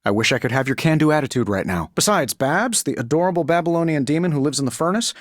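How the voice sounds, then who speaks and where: A man's voice: fairly high pitch, expressive, fast talker, no echo, studio quality, lightly acted. A man playing a wisecracking, cocky genius inventor superhero in a video game, talking in a glib, sarcastic, conversational way. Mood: wry, breezy. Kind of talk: video game character voice lines.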